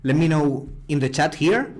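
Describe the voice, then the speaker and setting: His voice is a little high and expressive, moving at a moderate pace. The Spanish-accented man from Spain leads a live-streamed coding class for robotics, chatting casually, repeating himself and replying to viewers' messages.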